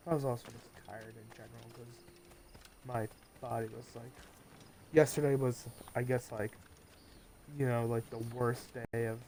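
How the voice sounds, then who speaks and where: A teenage boy streams a video game, chatting casually and rambling as he plays. His mid-range voice is a little mellow but nasal and congested from post-nasal drip, with slight background noise.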